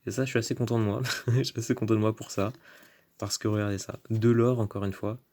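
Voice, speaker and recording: A man's voice: fairly low pitch, fairly even intonation, a little mellow. Chatty man showing off his cards. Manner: chatty, trailing fillers like "euh" and "hein"; enthusiastic, drawn-out card names. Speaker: YouTuber showing his card collection. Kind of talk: casual unboxing-style vlog commentary.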